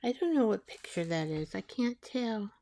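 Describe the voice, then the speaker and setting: A woman chatting casually as she makes a collage, rambling and talking to herself while she glues, her voice soft and sometimes dropping to a whisper. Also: medium pitch, expressive, normal speed. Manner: soft-spoken, drifting into whispers. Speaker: collage artist. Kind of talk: casual crafting narration.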